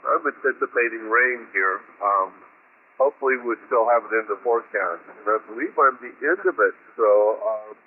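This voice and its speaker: Man heard over tinny ham radio. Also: lowish voice. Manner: unhurried, many ums and uhs. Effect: radio transmission, narrow crackly sound. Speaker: ham radio net participant. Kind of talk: casual on-air check-in. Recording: tinny radio-band audio.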